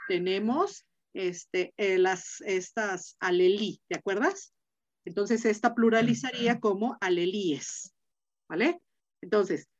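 A middle-aged woman with a Mexican accent teaching a Latin class online, chatty and full of fillers, often asking her students questions. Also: fairly high pitch. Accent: Mexican Spanish. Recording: dull lo-fi video call audio.

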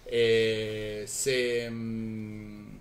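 A man's voice: lowish voice, monotone, drawn-out words. A man playing a tabletop game, chatting casually and thinking aloud hesitantly. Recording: roomy echo, clear background noise.

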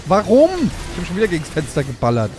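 A man's voice: a little high, big pitch swings, fast talker, noisy background. A man from Frankfurt chatting while playing a co-op game. He jokes around and asks lots of questions about how things work. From Frankfurt, Germany. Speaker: co-player. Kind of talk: casual gaming chat. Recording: game music underneath. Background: game music.

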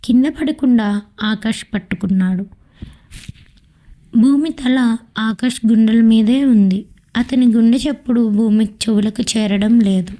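A woman narrating a dramatic audiobook story in a steady, emotive reading. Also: on the high side, measured pace, pauses often.

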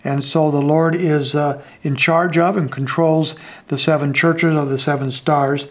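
A man in his sixties, a pastor giving a daily Bible teaching from a small home study, talking in a measured, conversational way with frequent filler pauses. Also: on the high side, steady tone.

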